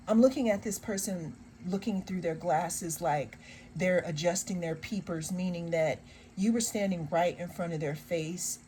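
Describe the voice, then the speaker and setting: A woman giving a tarot card reading to viewers, speaking slowly and emphatically, drawing out phrases and repeating refrains, with sarcastic asides. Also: fairly low pitch, warm tone, a little hiss or hum, low-quality recording. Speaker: tarot reader.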